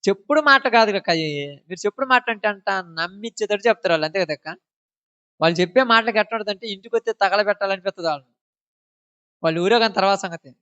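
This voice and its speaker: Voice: medium pitch, fast talker, bright, forceful tone, smooth, dull audio. A preacher, delivering a sermon. The voice keeps firing rhetorical questions at the listeners and presses them for answers. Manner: fires rhetorical questions at the congregation.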